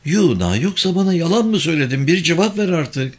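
Summa: a high, tearful pleading wife voiced by a man. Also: moderate pace, lightly acted. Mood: alarmed pleading. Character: frightened, pleading young wife and mother.

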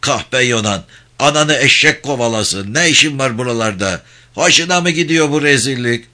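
A man voicing an angry male soldier who shouts insults at the enemy in an audiobook. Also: mid-range voice, lively intonation, moderate pace. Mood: furious. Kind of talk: audiobook character voice.

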